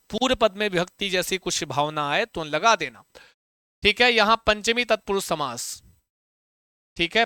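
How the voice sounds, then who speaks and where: A man's voice: high-pitched, bright, forceful tone, smooth, no echo, studio quality. A young adult man teaching a Sanskrit exam revision class, drilling terms through repetition and rhetorical questions.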